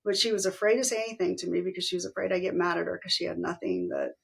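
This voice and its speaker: A middle-aged woman speaks candidly as an interview guest, her voice carrying a gravelly fry. She retells events vividly, lifting her pitch sharply to act out what others said. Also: rapid-fire. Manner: animated retelling, acting out quoted voices with pitch jumps. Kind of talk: candid personal storytelling.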